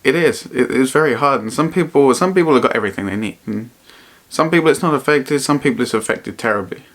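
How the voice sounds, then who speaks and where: A man vlogging in a reflective, personal way, speaking earnestly and haltingly and often repeating his phrases. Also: mid-range voice, expressive, fairly bright tone. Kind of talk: personal vlog to camera, reflective talk.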